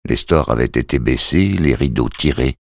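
Very deep gravelly male narrator. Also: expressive, moderate pace, darkish tone, no echo, studio quality. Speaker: audiobook narrator. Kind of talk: scripted narration.

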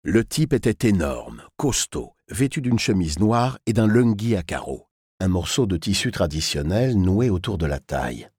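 A man narrating a dark story with expressive, tense delivery. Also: deep voice, moderate pace, breathy edge, no echo, studio quality. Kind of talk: dramatic audiobook narration.

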